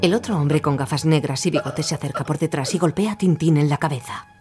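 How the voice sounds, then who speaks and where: A man's voice: a little high, quick pace, faint music behind. A man giving scripted narration that describes the action of a cartoon. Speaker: audio describer. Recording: loud soundtrack behind.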